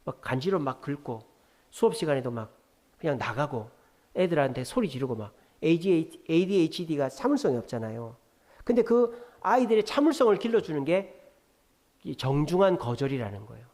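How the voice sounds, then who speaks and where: A man's voice: fairly high pitch, sing-song, a little fast. A man preaching a sermon at a Friday prayer meeting, telling a story and questioning the congregation directly. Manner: storytelling, acts out quoted dialogue in a softer voice. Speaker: pastor.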